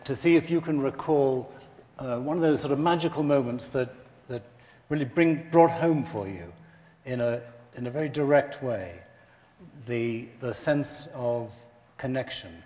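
An older man leads an onstage interview from an armchair, framing his questions hesitantly and repeating words. His voice sits in an ordinary middle pitch. A lapel mic picks him up, with long hall reverb around him. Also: measured pace, mellow. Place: large theater stage, seated in armchair.

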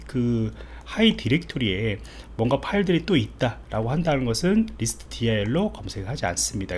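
Speaking in a mid-range, slightly mellow voice, a man records an indoor voice-over for a screen-captured coding tutorial. As an IT instructor, he explains each step informally and thinks aloud as he types, while background noise can clearly be heard.

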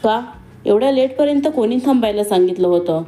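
A woman's voice: fairly high pitch, animated, fairly quick, warm tone, close to an everyday voice. A woman voicing a stern young man who speaks in a curt, clipped and irritable way.

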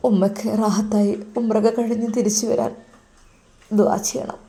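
A woman's voice: medium pitch, flat delivery, moderate pace, lightly acted. A woman voicing a tearful devout young man. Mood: pleading. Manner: soft, tearful pleading.

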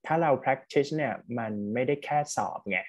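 A man's voice: medium pitch, animated. A man teaching at a university, giving casual spoken feedback to a student over an online class and dropping English words into his talk. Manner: quick, chatty, mixes English words into speech. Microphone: online class call.

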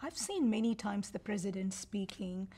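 A woman hosting a podcast interview, asking questions in a soft-spoken way. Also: medium pitch, animated, normal speed, a little hiss or hum. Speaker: podcast host.

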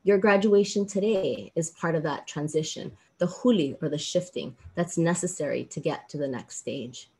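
Woman, middle-aged, from Hawaii; law professor giving a measured, emphatic commencement address on a video call; low-ish voice. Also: a little mellow. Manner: earnest, measured, emphatic pauses. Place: indoors, small room with plain backdrop.

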